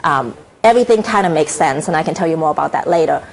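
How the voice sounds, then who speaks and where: This earnest TV interview guest is a middle-aged woman from Hong Kong, an author and inspirational speaker with a Hong Kong accent, who stops, restarts, and fills pauses often. Her low, gravelly voice has lively intonation, with a little hiss or hum in the audio.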